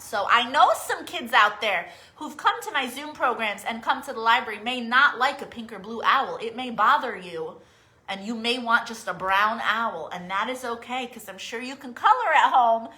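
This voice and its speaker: In an echoey room, a children's storytime host teaching songs and crafts draws little kids in with questions and sing-song praise. Her voice runs a little high, pushed and bright.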